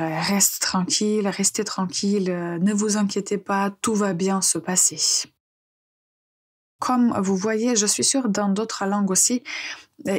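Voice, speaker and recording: A woman teaching French on a podcast, explaining phrases patiently with frequent pauses and hesitations. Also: mid-range voice, husky. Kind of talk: podcast language lesson.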